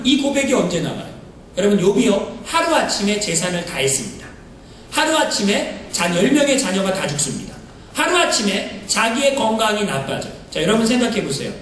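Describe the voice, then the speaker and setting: High-voiced, lively male preacher in an echoey church. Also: distant mic, slight background noise. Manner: animated preaching with rhetorical questions to the congregation; bursts into loud emphatic peaks. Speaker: pastor. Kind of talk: sermon. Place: church sanctuary. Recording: echoey hall, mic from afar.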